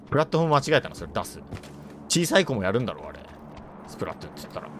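A woman live-streaming a shooter game in casual chat, rough and tough-talking, joking, reacting loudly to the game and greeting viewers. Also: extremely low pitch, big pitch swings, racing, slight background noise.

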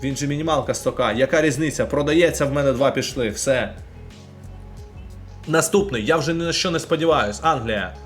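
A man's voice: medium pitch, brisk, faint music behind. A young man from Ukraine casually commenting live while opening game packs and talking to his chat. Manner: chatty, animated, talks to chat.

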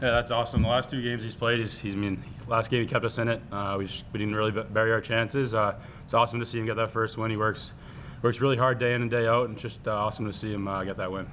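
A man's voice: lowish voice, flat delivery, fast talker, noisy background. A young man from the Boston area, a college hockey player answering questions at a postgame press conference in a casual way. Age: young adult.

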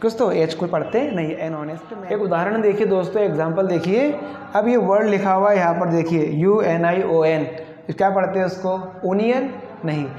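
A man's voice: high voice, fairly quick, a little mellow. A man teaching an English lesson who keeps asking the class questions and then answering them himself. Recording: echoey, muffled room recording.

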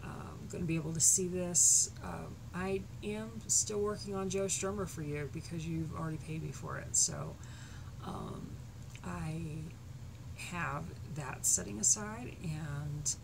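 This artist, a woman in her thirties, has a low, creaky, scratchy voice with lively intonation and a measured pace, though she rambles and hesitates with frequent ums. Her casual, unscripted update for supporters was filmed at night on a desk webcam in a small, cluttered bedroom, with noisy home recording quality.

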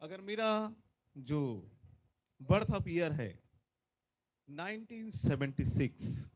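In a low-quality recording, a visiting preacher in his forties speaks slowly in an expressive, high-leaning voice. He gives a sermon with prayer on a big conference stage through a handheld mic, fervent and emphatic, erupting loudly and repeating hallelujah.

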